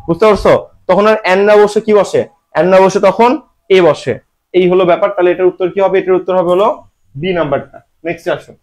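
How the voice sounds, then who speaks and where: A man's voice: sits high, a little mellow. A man teaching English grammar for an admission exam in Bengali-style speech, teasing his students and asking and answering his own questions. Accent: Bangladeshi Bengali. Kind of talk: online admission-exam lesson.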